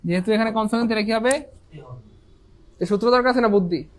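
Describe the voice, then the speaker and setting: High-voiced man teaching an English lesson. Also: fast. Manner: asks the class questions and answers them himself in call-and-response; often says "inshallah" and "dear brothers and sisters". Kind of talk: online English grammar lesson.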